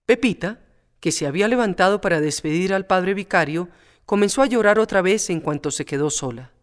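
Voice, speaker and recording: A man reading a storybook aloud in a measured, calm way. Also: high-pitched. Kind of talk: storybook narration.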